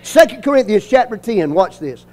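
A pastor, preaching a sermon, repeating phrases and calling on the congregation to answer. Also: male voice, high voice, very animated, moderate pace, a little mellow. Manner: call-and-response preaching with repetition and emphasis.

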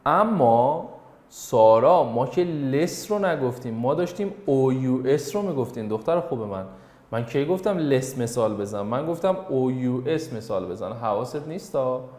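A man's voice: medium pitch, expressive, darkish tone. Guy teaching a class, calls on kids by name and nudges them along, sounds kinda roomy. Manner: coaxing, quizzing students by name. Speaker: English teacher. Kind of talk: classroom English lesson in Persian. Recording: roomy echo.

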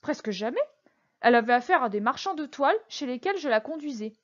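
Storybook role: a nervous, stammering shopkeeper, high and eager to please, voiced by a woman; muffled lo-fi sound. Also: expressive, fast talker. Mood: anxious. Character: timid, fawning middle-aged male shopkeeper, nervous prisoner.

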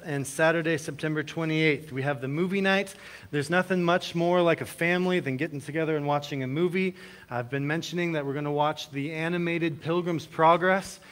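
A man, the pastor, giving friendly church announcements in a relaxed way with small fillers. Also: on the high side. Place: church sanctuary.

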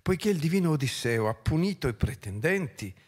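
A man voicing the aged god Zeus on stage, speaking in a quiet, measured and grave way. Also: fairly high pitch, sing-song. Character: Zeus, old male king of the gods, calm and grave. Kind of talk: dramatic reading on stage.

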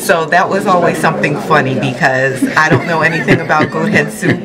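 Soft-spoken woman at a memorial. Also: low voice, a little fast. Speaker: memorial guest. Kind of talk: casual interview. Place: indoors, church building. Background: loud crowd chatter.

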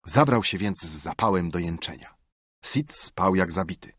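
A man narrating an audiobook with expressive, lively storytelling. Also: low voice, moderate pace, husky, no room sound, clean studio sound. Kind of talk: scripted narration.

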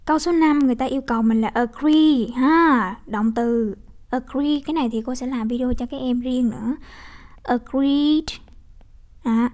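Young woman teacher, Vietnamese accent, soft warm tone, slightly high voice, explanatory classroom manner. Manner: explanatory, with frequent tag questions. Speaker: English teacher. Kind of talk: exam walkthrough lesson.

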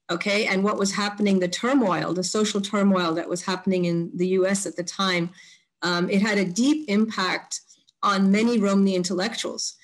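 A woman presenting her book in an academic webinar over a video call, talking hesitantly with many fillers and restarts. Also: mid-range voice.

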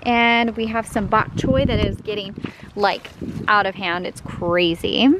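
A young woman strolls through her backyard garden and talks into a handheld camera, chatty and easygoing. Her delivery is slow and unhurried at a middle pitch. Clear outdoor background noise runs under her voice. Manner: chatty and enthusiastic, pointing things out as she walks. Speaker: home gardener giving a garden tour. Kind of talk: casual garden tour vlog. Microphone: handheld camera, filming while walking.

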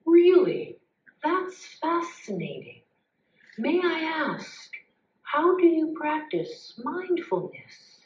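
In a live puppet show, a woman voices a calm, curious green snake that speaks slowly and thoughtfully, asking polite questions in an exaggerated voice. The voice is a little high and sing-song, and the distant, roomy recording, as if from across a stage, has a little hiss or hum.

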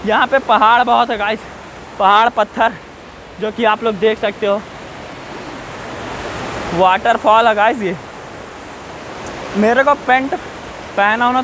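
A man's voice: high voice, noisy background. A man vlogging casually outdoors by a waterfall, chatting to his viewers as he walks and repeating safety warnings. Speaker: travel vlogger. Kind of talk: casual walking vlog. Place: outdoors on rocky hillside by a waterfall. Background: faint rushing waterfall.

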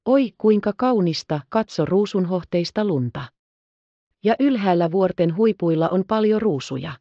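A woman voicing an excitable, tender-hearted little orphan girl in an audiobook, exclaiming and pleading. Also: on the low side, no echo, dull audio. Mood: awed excitement. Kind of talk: audiobook character reading.

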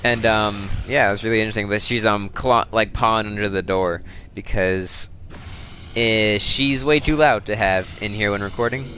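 A man's voice: fairly low pitch, fairly even intonation, moderate pace, pushed and bright, a little hiss or hum. A man hosting a let's play, chatting casually and thinking aloud as he plays, drifting into side stories. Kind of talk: casual gameplay commentary.

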